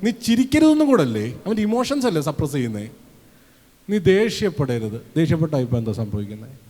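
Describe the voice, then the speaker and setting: A man preaching a sermon from Kerala, lively and questioning his listeners, acting out the voices he quotes. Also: on the high side, fairly quick. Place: church hall. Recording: long hall reverb.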